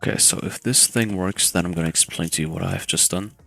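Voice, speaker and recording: A young man hosting a casual game development tutorial in a hushed voice, keeping quiet at night. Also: deep voice, fairly quick, gravelly, dry recording, faint music behind. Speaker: tutorial host.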